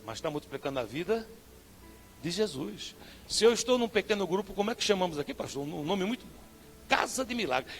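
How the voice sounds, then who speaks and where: A male pastor with a Northeastern Brazilian accent, preaching a sermon with rhetorical questions and sudden loud bursts. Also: high-pitched. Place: church service.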